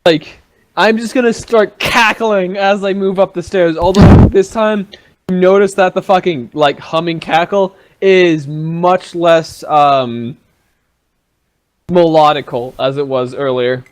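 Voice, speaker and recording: A man playing a tabletop game, excitable and swearing freely. His voice sits a bit higher than most men's. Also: slow pace. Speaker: player. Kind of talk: casual tabletop role-play chat.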